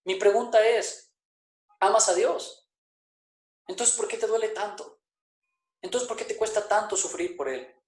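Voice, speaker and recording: Pastor, male, high voice, emphatic preaching style with rhetorical questions, roomy church sound. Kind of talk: sermon.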